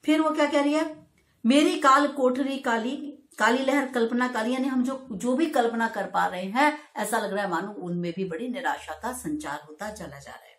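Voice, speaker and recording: A woman teacher explaining a Hindi poem to school students, reciting the verse lines slowly and with feeling, then explaining them in plain speech. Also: medium pitch, lively intonation, echoey room.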